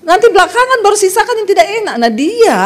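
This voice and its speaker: A middle-aged woman from Sulawesi preaching a humorous sermon, telling lively stories and laughing often. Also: very high-pitched, quick pace. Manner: lively joking storyteller who laughs often.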